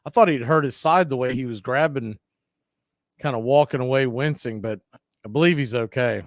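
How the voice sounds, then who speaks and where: A male radio play-by-play announcer calls a live baseball game with casual chat, telling side stories and laughing at them. His mid-range voice moves at a moderate pace, and the mic is dry with no echo.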